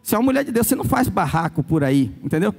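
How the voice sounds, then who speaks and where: A man's voice: sits high, very animated, very fast, vocal fry, darkish tone, slightly rough, soft background music. A Brazilian pastor preaching a sermon, telling stories and acting out the people he quotes. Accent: Brazilian Portuguese. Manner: storytelling preacher, acts out quoted voices.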